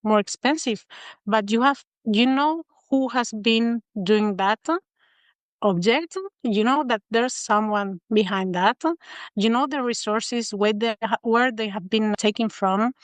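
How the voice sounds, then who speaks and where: A woman from Spain with a Spanish accent, a guest in a podcast interview who speaks thoughtfully and fills her pauses with "uh". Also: fairly high pitch, dry recording. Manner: thoughtful, many filler pauses. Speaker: guest designer.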